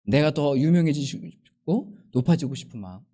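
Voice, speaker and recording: Lively high-voiced male pastor preaching. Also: moderate pace. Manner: acts out quoted speech of disciples and Jesus; asks the congregation many rhetorical questions. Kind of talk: sermon.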